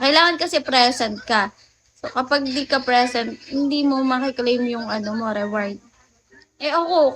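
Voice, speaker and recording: A woman's voice: high voice, a bit bright. A woman from the Philippines chatting casually with viewers on a late-night phone livestream, telling stories and laughing often.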